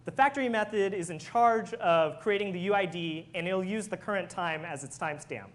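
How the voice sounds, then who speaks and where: Step-by-step technical presenter, medium pitch. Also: brisk. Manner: explanatory, step by step. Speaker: software engineer presenter.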